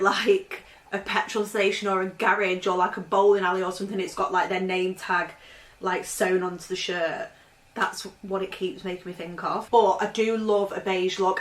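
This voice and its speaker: Her mid-range voice has a fairly bright tone as this fashion vlogger rambles through a casual vintage clothing haul at home, filling gaps with "like." The sound is echoey and roomy, with her voice coming from off-mic.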